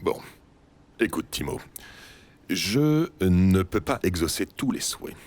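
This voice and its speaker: Very deep, theatrical old Santa Claus. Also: male voice, sing-song, slow, a little mellow, full character voice. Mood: awkwardly coaxing. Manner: theatrical, booming ho-ho-ho, grandly reassuring. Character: jolly Santa Claus turning sinister, old bearded man. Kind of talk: scripted French audio fiction acting.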